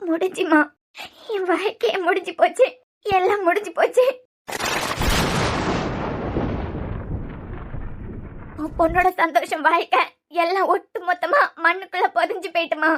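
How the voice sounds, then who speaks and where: A woman's voice: very high-pitched, fairly even intonation, a little fast, background noise. A woman with a Kanyakumari Tamil accent voicing a tearful, despairing young woman in a cartoon serial. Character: distraught young woman, newly engaged.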